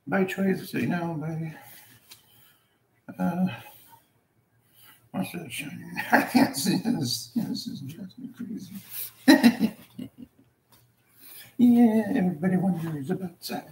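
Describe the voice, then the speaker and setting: A woman's voice: lowish voice, slow pace, long pauses, darkish tone, a little hiss or hum. A woman talking casually in a rambling home vlog, chuckling often as she lies down at home. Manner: chuckles often, loose and meandering. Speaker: vlogger and karaoke singer. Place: at home, lying down. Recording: roomy home recording with faint ambience.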